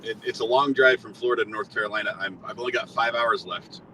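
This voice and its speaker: A man's voice: medium pitch, steady tone, quick pace, pushed and bright. A man talking in a good-natured, chatty way over a hands-free speakerphone from his moving car. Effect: hands-free car speakerphone call. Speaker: guest. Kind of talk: casual chat. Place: in a moving car on a long drive. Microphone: hands-free car phone. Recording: distant speakerphone with road noise.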